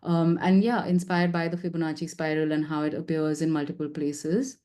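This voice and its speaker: A young woman presenting her work at a seminar, talking fast with lots of fillers and restarts. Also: deep voice, flat delivery, mellow. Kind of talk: academic presentation.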